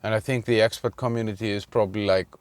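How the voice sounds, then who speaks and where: A man's voice: lowish voice, steady tone, fast, clean tone. A man from Iceland talking casually in a vlog, rambling with many fillers and restarts, sitting in a car. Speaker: vlogger.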